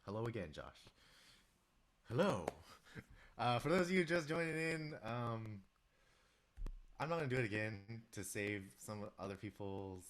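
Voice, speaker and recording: A man's voice: medium pitch, expressive, a little slow, long pauses, fairly bright tone. A man with a stuffy nose and a sore throat chats casually to live viewers while composing music, reading their messages aloud. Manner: chatty, talks to viewers and reads their chat aloud.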